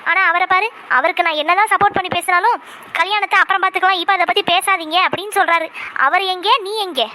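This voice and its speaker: A woman's voice: extremely high pitch, steady tone, fast talker, bright, forceful tone, a little hiss or hum. A woman voicing a fierce, protective middle-aged mother in a comic cartoon, scolding and threatening. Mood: boastful. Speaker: mother character.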